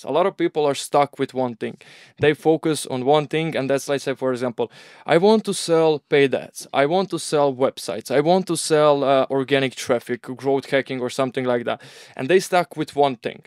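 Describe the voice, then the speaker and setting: A man's voice: medium pitch, moderate pace, dry recording, clean studio sound. A young man from Croatia with a Croatian accent, talking casually and loosely as an interview guest, leaning on filler words like "like" and "bro". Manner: relaxed, rambling, uses "bro" and "like". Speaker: agency owner, guest.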